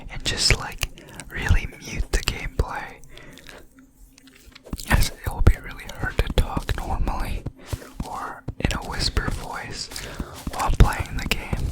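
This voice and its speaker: A video creator whispers right up close, as if leaning in to each ear. The delivery is very slow and halting, a breathy, unvoiced ASMR ramble over gameplay that drifts along with pauses between short phrases. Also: rough recording. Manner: hesitant, halting, unhurried rambling.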